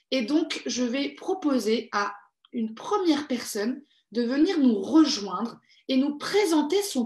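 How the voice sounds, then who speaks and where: A woman hosts a live online creative workshop for kids, cheerful and encouraging as she reads viewers' comments aloud. Her voice is high with a darkish tone, recorded in an echoey room.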